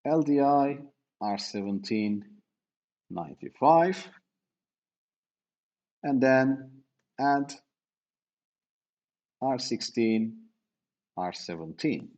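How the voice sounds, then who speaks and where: Slow, lively-pitched male lecturer. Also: muffled recording. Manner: slow, explaining step by step with fillers and self-corrections. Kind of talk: university lecture.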